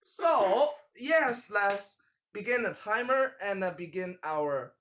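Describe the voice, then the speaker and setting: A young man from China with a Chinese accent, hosting a casual talk show in English and often searching for words. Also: high voice. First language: Mandarin. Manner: halting, searches for English words, animated hand gestures. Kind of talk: casual chat. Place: small indoor room, seated at a table.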